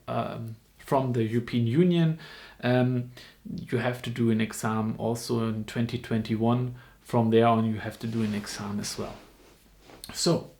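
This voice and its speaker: A German dental student in his twenties makes a casual informational vlog in English, his second language. His medium-pitched voice is creaky, and he speaks haltingly with lots of ums and restarts.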